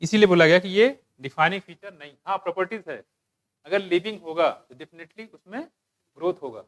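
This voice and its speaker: A man teaching a biology class, asking students questions, joking and reading textbook lines slowly. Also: high voice. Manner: asks students questions and jokes, mixing Hindi with English textbook lines; slows down to read English lines aloud. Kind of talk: classroom lecture.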